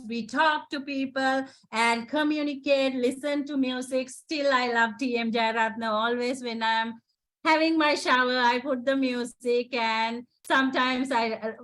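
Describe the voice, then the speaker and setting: In a high-pitched, fairly bright voice, a Sri Lankan psychotherapist delivers an encouraging lecture presentation to students. Sinhala is her native language, her accent is Sri Lankan, and she often caps her points with "right?"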